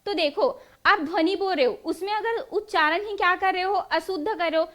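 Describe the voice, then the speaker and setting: A woman's voice: very high voice, normal speed, fairly bright tone. A young woman teacher leading an exam-prep lesson, asking the class questions and answering them herself. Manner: drills students with quiz-style questions, then answers them.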